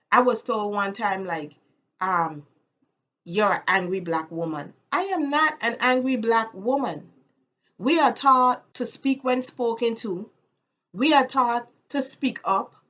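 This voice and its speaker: A woman's voice: on the high side, fairly bright tone, dull audio. A woman from the Virgin Islands with a Caribbean accent, talking casually and with strong opinions in an emphatic way, repeating phrases for stress. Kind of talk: casual opinionated personal talk to camera.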